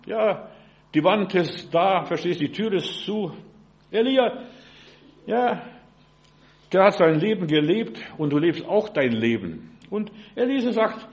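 A man's voice: high voice, animated, unhurried. A man preaching a sermon in an informal, direct way. He speaks to listeners as "du", says "ja" often and keeps asking if they understand.

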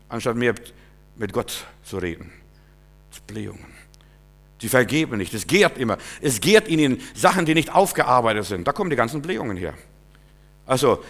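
A man preaching a sermon, urging listeners directly and repeating phrases, swinging between loud emphatic bursts and quiet asides. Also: mid-range voice.

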